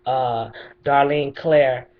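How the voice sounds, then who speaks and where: A woman's voice: extremely low pitch, steady tone, extremely slow, phone-quality sound, slight background noise. A middle-aged woman making an unscripted spoken appeal in a plain, insistent, emphatic way. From Chicago, USA. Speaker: bereaved mother addressing the mayor.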